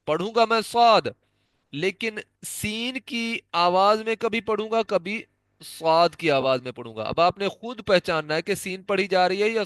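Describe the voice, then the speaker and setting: A man with a high, slightly bright voice teaches Quran recitation, patiently explaining letter sounds and demonstrating their pronunciation again and again. The tone is clean, with no echo, in what amounts to a pronunciation lesson.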